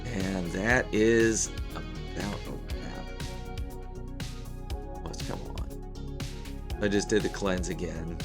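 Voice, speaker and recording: A man in his thirties with a hoarse, failing voice, giving casual game commentary as host of a gaming video. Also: deep voice, slow pace, hardly any pauses, over music. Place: small room indoors at a desk.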